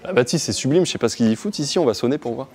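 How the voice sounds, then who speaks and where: A man's voice: medium pitch, very fast. Chatty young man touring city streets. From Avignon, France. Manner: chatty, joking, slangy, lively. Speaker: streamer giving a city tour. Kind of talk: casual walking tour chat. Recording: outdoor street with faint noise.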